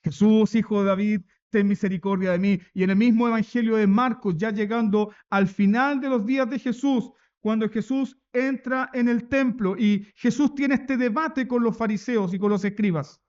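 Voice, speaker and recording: A man's voice: very high voice, fairly even intonation, moderate pace, few pauses, darkish tone, dull audio. A man preaching a sermon as pastor, emphatic, repeating key phrases and asking rhetorical questions. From Chile.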